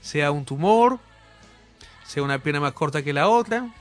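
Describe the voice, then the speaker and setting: Speaking at a moderate pace with lively intonation and a slightly high voice, a male healing evangelist addresses viewers head-on in his sermon. His proclamations are fervent and commanding, and faint music plays in the background.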